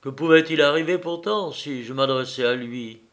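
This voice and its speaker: A man narrating a first-person novel in a measured, expressive reading. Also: fairly high pitch. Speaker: audiobook narrator.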